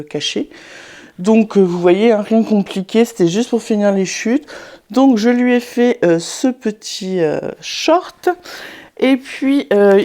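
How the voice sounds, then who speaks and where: A woman's voice: medium pitch, a little mellow. Woman vlogger with a sick, sore-throat voice. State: sick with tonsillitis, sore throat, strained swollen-throat voice. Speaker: sewing vlogger and online haberdashery owner. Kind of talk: casual vlog chat to viewers.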